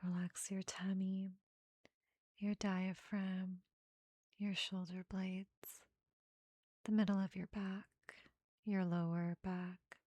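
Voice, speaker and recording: Speaking in a soft, breathy near-whisper, a woman leads a meditation very slowly and at an even pitch, offering short, gentle phrases broken up by pauses. Her dark, mellow tone is meant to calm, and the studio-quality recording has no room sound.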